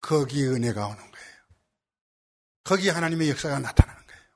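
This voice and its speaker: A man's voice: expressive, brisk, darkish tone. A man preaching as a pastor, telling a story and acting out the dialogue, his voice rising when he exhorts. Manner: rises in pitch and intensity when exhorting. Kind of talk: sermon.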